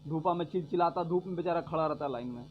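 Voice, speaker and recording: A man giving a sarcastic political rant, repeating his points and swinging between loud jabs and low mutters. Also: fast talker. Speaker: vlogger giving political commentary. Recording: dull lo-fi audio with faint hum.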